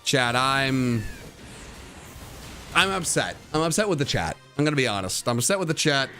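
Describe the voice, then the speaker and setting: A man's voice: mid-range voice, animated, moderate pace, pushed and bright, soft background music. A man live streaming a game, teasing his chat with mock outrage and repeating himself. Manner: repeats phrases, sing-song muttering.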